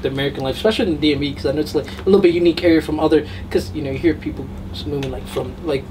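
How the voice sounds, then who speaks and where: A young man hosting a casual interview, asking quick questions in laid-back slang. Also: a little high. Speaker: podcast host. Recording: distant mic, noisy room.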